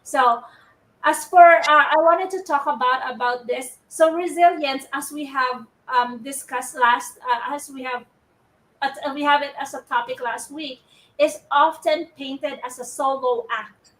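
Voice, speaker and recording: A woman's voice: high voice, steady tone, a little slow, a bit bright, recorded from a distance. A middle-aged woman from the Philippines co-hosting a live stream in a casual, upbeat way, often rambling and restarting her sentences. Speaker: live show co-host. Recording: roomy audio from away from the mic.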